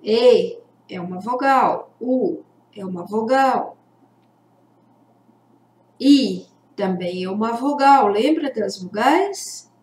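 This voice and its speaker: A woman teacher giving a children's literacy lesson, drawing out syllables slowly and deliberately. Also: on the high side, lively intonation, a little mellow. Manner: slow, deliberate, stretches out syllables for young learners. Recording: echoey room.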